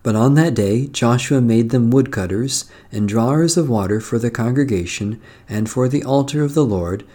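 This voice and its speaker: A man leading a midday prayer service, reading psalms and scripture in a measured, solemn recitation. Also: mid-range voice, warm tone. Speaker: prayer leader. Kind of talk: slow liturgical reading.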